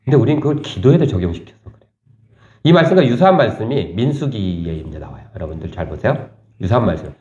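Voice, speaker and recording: A male pastor preaching a sermon, animated and quizzing his congregation with questions. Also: lowish voice, fast. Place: church sanctuary. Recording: echoey church room, slightly dull sound.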